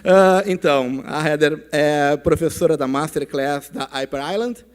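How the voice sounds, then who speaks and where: A man's voice: on the high side, moderate pace, soft background music. A man with a Brazilian Portuguese accent, announcing speakers live on stage as an event host.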